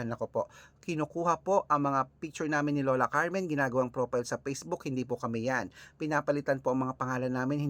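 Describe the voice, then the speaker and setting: A man from the Philippines hosting a casual vlog, chatting with viewers and reading out lucky numbers in a lively way. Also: on the high side, no echo. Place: early morning, on his way out, with cars passing.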